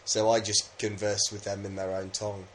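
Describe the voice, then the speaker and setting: Podcast co-host, man from England, lowish voice, rambling and jokey, light room noise. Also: completely flat delivery, moderate pace. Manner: jokey, rambling, with many fillers. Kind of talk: casual chat.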